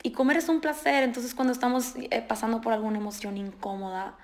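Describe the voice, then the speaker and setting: A woman's voice: fairly high pitch, fast. A woman nutritionist, explaining in casual podcast conversation and acting out her patients' words. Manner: animated, explanatory, acts out patients' quotes.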